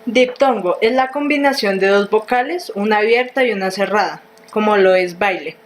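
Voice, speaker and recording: A woman reading a grammar lesson aloud, slow and careful, with small restarts. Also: medium pitch, a little hiss or hum, rough recording.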